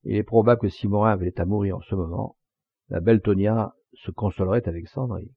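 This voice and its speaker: A man reading the part of a thoughtful, sentimental gentleman who reasons in a measured way. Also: fairly low pitch, steady tone, creaky, husky, no room sound. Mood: pondering. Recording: dull lo-fi dry recording.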